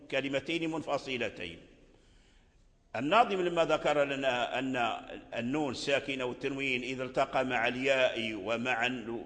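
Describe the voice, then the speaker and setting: A Moroccan man teaches Quran recitation rules, explaining each point patiently and chanting short verse examples slowly. His voice sits at a mid pitch. It rings out with a long reverb, as in a large hall. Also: fairly bright tone. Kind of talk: tajweed lesson.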